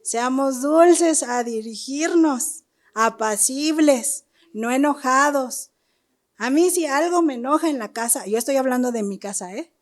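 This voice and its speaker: A woman delivers a church sermon in a high voice. She speaks at an unhurried pace, reading scripture with emphasis and turning to the congregation with questions. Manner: teaching, asks the congregation questions, slow emphatic verse reading. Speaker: church preacher.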